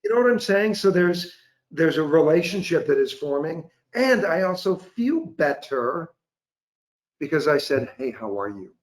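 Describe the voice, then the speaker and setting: An impassioned man in his forties speaking as an interview guest over a video call, his voice sitting slightly high for a man. He tells his story with animated feeling. The home room around him rings with a noticeable echo. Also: normal speed. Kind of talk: casual interview chat. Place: home room with large windows. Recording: echoey room.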